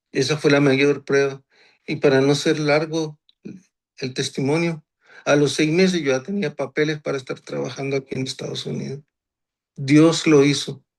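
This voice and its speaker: A man's voice: medium pitch, gravelly. A man in his sixties from Honduras, telling his faith testimony in an earnest way and often repeating phrases. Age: 60s. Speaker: guest giving a church testimony.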